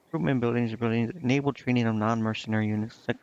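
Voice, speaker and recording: A man races through his words in a mid-range, darkish voice with fairly even intonation. He's streaming a game, casually commenting, reading aloud, and muttering to himself a lot. Game music plays beneath the muffled, lo-fi audio.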